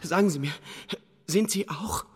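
An actor playing a troubled young king in a radio drama, halting and pleading as he stammers out his fears. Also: high voice, breathy edge, long reverb tail, exaggerated voice. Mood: anxious.

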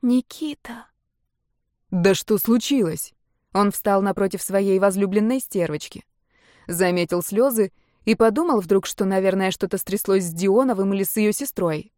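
A woman narrating a romance novel as an audiobook in an even, measured voice. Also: mid-range voice, no room sound, clean studio sound. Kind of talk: scripted narration.

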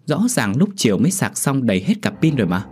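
A man's voice: mid-range voice, big pitch swings, fast talker, a little mellow, slightly rough, faint music behind, pitched above the performer's own voice. A man voicing a pushy older mother who scolds and nags her grown son, in an audio horror story. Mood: fretful. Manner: nagging, chiding.

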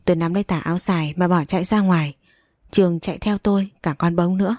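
A woman reading a first-person love story aloud in a slow, measured way. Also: on the low side, steady tone, dark tone, no room sound, studio quality. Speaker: narrator.

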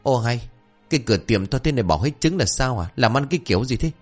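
A man's voice: medium pitch, expressive, fast, faint music behind, pitched above the performer's own voice, close to an everyday voice. A man voicing a stubborn, boastful old village man who blusters. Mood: indignant.

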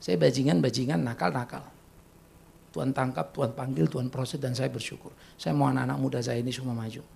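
A middle-aged man, preaching a lively, joking sermon to young people as a pastor. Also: medium pitch, a little fast, gravelly, breathy edge. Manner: lively, joking, acts out quoted voices in Jakarta slang. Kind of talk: sermon to youth.

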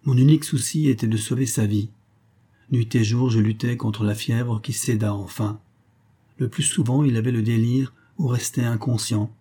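A man narrates a literary story in an audiobook reading with a measured, even delivery. His voice is husky and dark, with a mellow, relaxed tone. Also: medium pitch.

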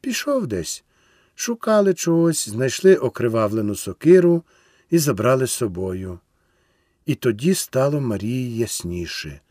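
A man reads a literary novel aloud in a measured way, with a very lively melody in his voice. He is recorded close to the mic in a dry, dead space. His pitch sits in the middle. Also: dry recording. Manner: expressive, measured reading. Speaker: audiobook reader. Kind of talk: literary audiobook narration.

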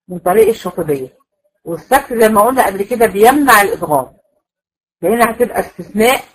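A woman with an Egyptian accent lectures on Quran recitation, her voice sitting at an ordinary middle pitch. She goes over each rule more than once and keeps checking that her students are following. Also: a bit bright, rough recording. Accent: Egyptian Arabic. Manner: patient, repeats points and checks understanding. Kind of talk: classroom lecture.

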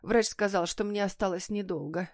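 A woman's voice: medium pitch, steady tone, normal speed, no room sound, studio quality, close to an everyday voice. A woman putting on a wheezing, moaning mother. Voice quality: wheezy, raspy. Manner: moaning, pitiful. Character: wheezing, self-pitying older mother faking illness.

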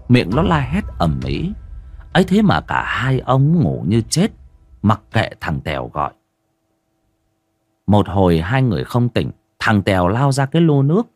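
A man narrating a horror audio story in a dramatic, expressive storytelling way. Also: on the low side, measured pace, no room sound. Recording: dry close recording with faint music.

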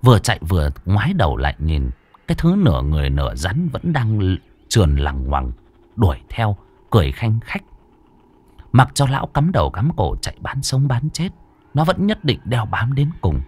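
A man's voice: fairly low pitch, normal speed, husky. A man narrating a horror folk tale in a dramatic storytelling style. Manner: animated, swooping delivery. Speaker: audiobook narrator.

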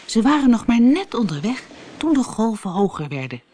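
A woman narrating a children's storybook in an expressive storytelling manner. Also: on the high side, moderate pace.

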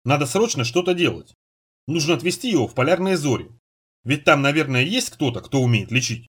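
A man's voice: on the high side, expressive, a little fast, fairly bright tone, slightly rough. A man reading an audiobook voices a shy young man who mumbles earnestly. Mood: urgent.

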